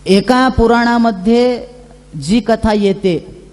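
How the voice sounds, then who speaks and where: A man's voice: very high voice, slow, darkish tone. A man giving a devotional scripture discourse, chatty, acting out dialogue and chanting verses. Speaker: religious storyteller. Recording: reverberant hall.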